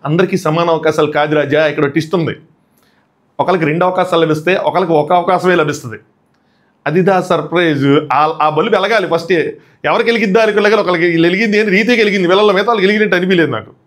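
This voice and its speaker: A man's voice: high voice, quick pace. A man giving casual commentary as a TV show reviewer, recapping in a chatty way that mixes in English words. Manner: acts out quoted lines from the show.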